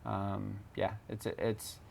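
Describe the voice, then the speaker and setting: A man with a somewhat low voice in an informal two-person debate. He is opinionated and emphatic, often restarting or repeating words to stress his point. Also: completely flat delivery, extremely slow, vocal fry, darkish tone. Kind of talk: casual conversational debate.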